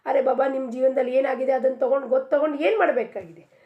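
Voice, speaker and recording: High-voiced woman giving a devotional talk. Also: steady tone, fast talker, dull audio. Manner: earnest, full of rhetorical questions. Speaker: spiritual speaker. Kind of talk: devotional discourse.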